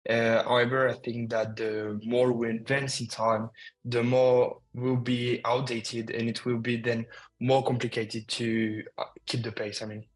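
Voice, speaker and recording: Young man from France, student panelist, flat and hesitant delivery. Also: medium pitch, unhurried, poor audio. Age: young adult. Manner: hesitant, with fillers and restarts. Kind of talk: student podcast discussion.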